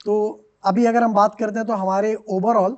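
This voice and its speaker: A man, a startup co-founder, answering podcast interview questions in a steady explanatory way and mixing in English business terms. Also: high voice, moderate pace, muffled recording. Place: podcast studio.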